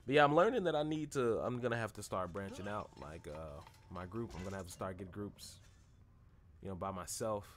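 A man's voice: lowish voice, lively intonation, a little fast. A young man streaming a video game, chatting casually in a rambling, jokey way. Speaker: gaming streamer. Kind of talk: casual gameplay commentary.

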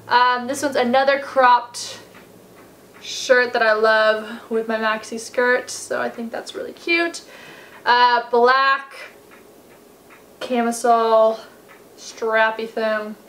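This upbeat vlogger, a woman in her twenties, chats through her packing in a carpeted living room by the fireplace, full of "like"s and "um"s. Her voice is a little high and fairly bright. A little hiss or hum sits under the recording.

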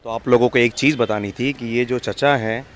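A young man hosting a casual street food vlog outdoors, asking quick questions and praising the food with enthusiasm. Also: medium pitch, fairly even intonation, fairly bright tone, a little hiss or hum. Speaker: food vlogger host. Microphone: handheld lapel mic.

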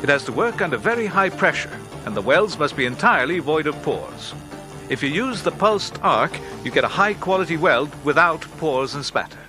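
A man narrating an industrial training film in a measured, instructive way, as a studio voice-over. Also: on the high side, sing-song. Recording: faint music behind narration.

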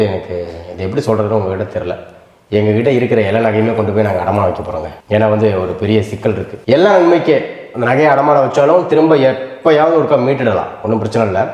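A man talks quickly and earnestly to his audience, explaining things in long stretches. He is a family vlogger speaking casually at home. The bare room around him gives his voice a roomy echo. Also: mid-range voice, a little mellow, lo-fi sound. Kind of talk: emotional casual family vlog talk. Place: rented home, indoors.

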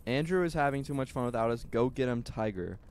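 Young man, mid-pitched, playful co-op gamer voice, quick jokes. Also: expressive, darkish tone. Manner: joking, teasing, talks to chat. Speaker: streamer's co-op partner. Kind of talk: casual gaming banter.

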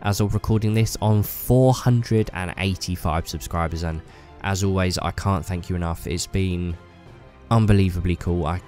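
The voice is low-pitched, steady and a little mellow, at a normal speed, with soft background music. A YouTuber with a cold that leaves him slightly bunged up, he chats casually and enthusiastically in a hobby vlog, rambling with fillers.

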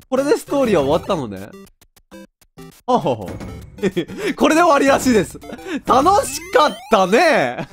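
A young man giving loud, joking let's-play commentary, often laughing and shouting at the screen. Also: very high-pitched. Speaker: game commentator.

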